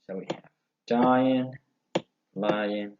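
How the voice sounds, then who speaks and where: Slow, low-voiced man teaching grammar. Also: fairly even intonation, noisy background. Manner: slow, explanatory, repeating rules step by step. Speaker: English teacher. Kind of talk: recorded video lesson. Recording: dull lo-fi audio.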